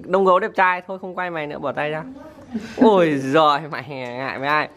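A woman's voice: sits low, fast talker, a bit bright. A woman chatting casually as she hosts an eating video, talking with food in her mouth that burns from the spice. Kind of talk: casual chat. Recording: noisy handheld recording with clicks.

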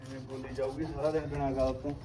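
A man's voice: mid-range voice, little pitch movement, quick pace, recorded from a distance, noisy background, lightly acted. A man playing an aggrieved unmarried young farmer complaining about his sister-in-law. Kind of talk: village comedy sketch acting.

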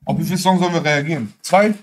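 A man's voice: on the high side, racing. A man chatting casually on a group livestream in short, slangy remarks.

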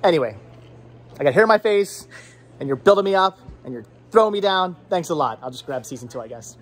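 With a fairly high, animated voice and a slightly quick pace, a movie collector in his forties vlogs casually from a video and game shop. Holding the camera at arm's length, he chats playfully and rambles, often breaking off mid-thought.

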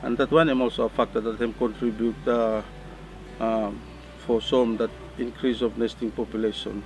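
A man's voice: mid-range voice, fairly even intonation, moderate pace, soft background music. A middle-aged man with a Solomon Islands accent giving an explanation in an interview. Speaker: conservation coordinator. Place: outdoor deck by a river.

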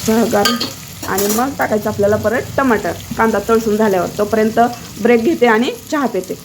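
A hoarse woman, chatting playfully to her viewers in a home cooking vlog from her kitchen. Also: fairly high pitch, brisk, background noise.

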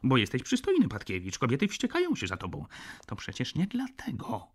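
A sullen young student, voiced by a man reading an audiobook, muttering his grumbles gloomily. The voice is husky, and the pitch still jumps about. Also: wildly swooping pitch, brisk. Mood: grumbling.

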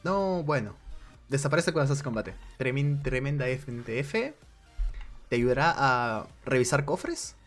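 A man narrates his own gameplay for a game guide, talking through each step in a relaxed, chatty way. His pitch swings widely as he reacts. Soft music plays faintly behind him. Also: measured pace. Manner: thinks aloud while playing, chatty and conversational. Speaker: video game guide creator. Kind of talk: casual gameplay commentary.

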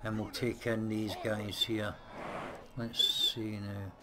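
This let's-play gamer has a lowish voice and a flat, slow delivery as he chats and mutters his way through a strategy game. His close-set desk mic captures a very noisy recording.

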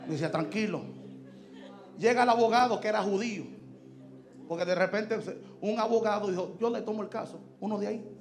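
A man preaching a sermon with a gravelly voice, telling a personal story that swings from hushed storytelling to shouting. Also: high voice, quick pace. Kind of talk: sermon testimony.

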